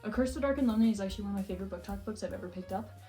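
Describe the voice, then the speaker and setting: A young American woman talks in a casual vlog style at an ordinary female pitch. She rambles, pokes fun at herself and leans on filler words like a friend hanging out. Music plays behind her voice. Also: rapid-fire, mellow. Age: young adult. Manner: rambling, self-deprecating, giggly, peppered with 'like'. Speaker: vlogger. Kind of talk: casual chatty vlog while organizing books. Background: background music.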